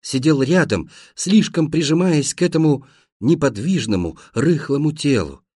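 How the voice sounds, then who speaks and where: A man reading a first-person literary story aloud in a measured, expressive way. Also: fairly high pitch, breathy edge, dry recording, clean studio sound. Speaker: audiobook narrator.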